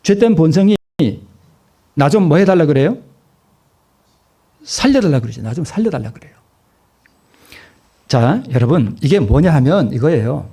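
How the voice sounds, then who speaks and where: Pastor guy preaching, husky voice, kinda high, keeps asking the crowd stuff then answering it. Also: sing-song, normal speed, long pauses, warm tone. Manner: asks the congregation questions and answers them himself; repeats key phrases for emphasis. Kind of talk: sermon.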